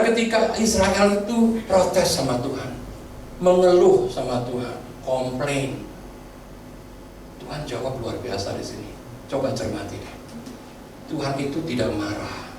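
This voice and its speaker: A man's voice: medium pitch, far from the mic, background noise. Preaching man in an echoey church hall. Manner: preaching with many rhetorical questions to the congregation; stammers and restarts words. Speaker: pastor. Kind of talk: sermon.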